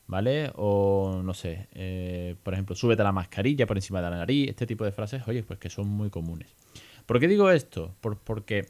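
Low-voiced Spanish man chatting on a podcast. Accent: Spain. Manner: lively, chatty, mixes in English phrases. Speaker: podcast host. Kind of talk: casual podcast monologue.

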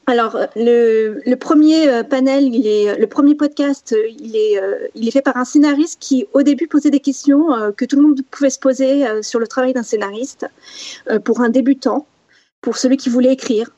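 A woman's voice: high voice, moderate pace, mellow, no room sound, muffled recording. A woman chatting on a podcast panel, hesitant and full of fillers and restarts. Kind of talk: casual podcast chat.

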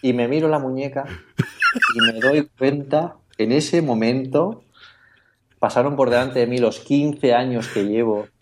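A man co-hosting a casual podcast, telling a personal anecdote in a lively way, often laughing and restarting his sentences. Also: mid-range voice, a little slow, noisy background. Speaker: podcast co-host.

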